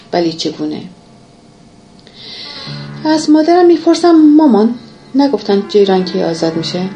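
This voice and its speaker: A woman narrating a first-person memoir in a somber, reflective way. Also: on the low side.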